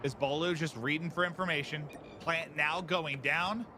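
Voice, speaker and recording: A man casting esports with excited play-by-play, swinging between tense murmurs and drawn-out shouts. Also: fairly high pitch. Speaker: esports caster. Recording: noisy, game sounds behind.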